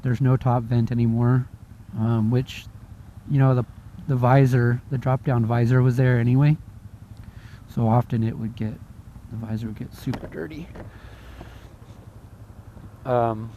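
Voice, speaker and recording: Male motovlogger, mid-pitched, casual review delivery from inside a helmet on a moving bike, clear vehicle noise behind. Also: mellow, low-quality recording. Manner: talking from inside a motorcycle helmet while riding. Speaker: motorcycle vlogger reviewing gear. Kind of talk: casual chat, spoken review. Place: outdoors on a moving motorcycle. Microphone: mic inside a helmet. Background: vehicle and road noise.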